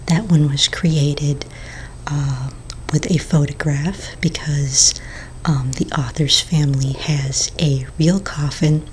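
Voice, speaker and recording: A woman in a whispered role-play as a librarian at story hour, speaking in a soft, breathy library whisper and gently reading and explaining a picture book. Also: low-quality recording. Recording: low rumbling background noise.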